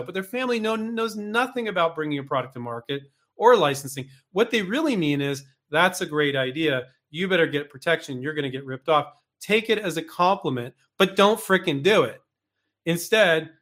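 A man's voice: on the high side, fairly bright tone. A man coaching inventors in a casual, frank talk, speaking bluntly with mild swearing and many restarts and asides.

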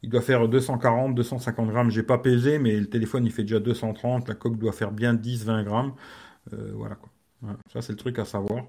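A man's voice: medium pitch, flat delivery, fairly quick, vocal fry, darkish tone, breathy edge. A man hosting a casual live stream as a tech reviewer. He talks in slangy, rambling French and keeps adding "tu vois".

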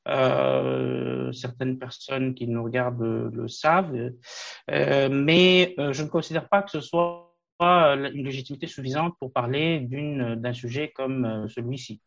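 A man in his late thirties from Afghanistan, a guest in a conversational interview, talking haltingly with many fillers and restarts. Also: medium pitch, fairly even intonation, gravelly, lo-fi sound. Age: late 30s.

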